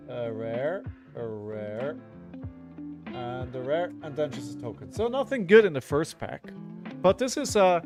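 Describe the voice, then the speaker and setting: Wearing a headset mic, a man with a hoarse, slightly high voice coughs while casually commenting on a live card game as he plays. He thinks aloud, halting and repeating words.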